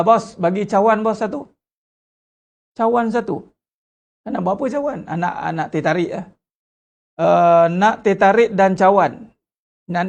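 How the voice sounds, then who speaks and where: This animated religious lecture comes from a teacher with a Malaysian Malay accent and a gravelly, mid-range voice. Rhetorical questions run throughout, along with acted-out prayers.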